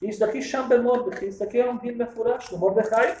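A man giving a lively lesson on religious law, telling stories and acting out the dialogue with sudden jumps in pitch. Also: fast, echoey room, poor audio. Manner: animated, acts out dialogue with sharp pitch jumps.

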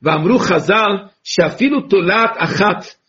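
High-voiced man teaching a religious lesson. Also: expressive, takes it slowly, a bit bright. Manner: reads text aloud, then explains with rhetorical questions and chuckles. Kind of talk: Torah lesson, reading Hebrew and explaining in Portuguese. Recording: dull lo-fi recording.

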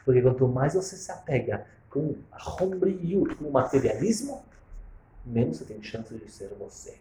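A man giving a storytelling sermon, animated and acting out the dialogue. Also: medium pitch, moderate pace, a little hiss or hum. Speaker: religious speaker. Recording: roomy echo.

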